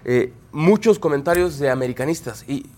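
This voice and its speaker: A Mexican man on a sports panel who defends his views calmly and teases his opponent. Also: fairly high pitch, normal speed. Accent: Mexican Spanish. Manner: defensive, calm, teasing. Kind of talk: heated studio debate.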